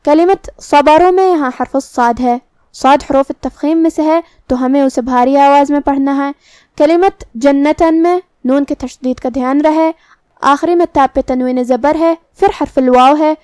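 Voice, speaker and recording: A woman teaching Quran recitation rules, explaining each pronunciation point slowly and carefully. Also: sits high, a little mellow, no echo, clean studio sound. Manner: slow, careful explanations with demonstrated words.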